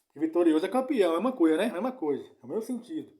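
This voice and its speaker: A man's voice: a little high, expressive, very fast, a little mellow. A man teaching from the Bible, repeating his points and asking his listeners "né?" and "entendeu?". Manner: repetitive, keeps asking "né?" and "entendeu?". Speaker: preacher.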